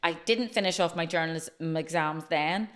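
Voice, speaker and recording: The interview guest is a Northern Irish woman in her late 40s sharing her life story on an informal podcast, chatty and flowing. Her voice sits low and sounds fairly bright, at a moderate pace.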